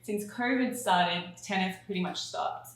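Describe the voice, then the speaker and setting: A woman's voice: mid-range voice, a little slow, very echoey, poor audio. A young woman with an Australian accent, chatting as an interview guest and laughing often. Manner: giggly, chatty. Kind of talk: casual interview.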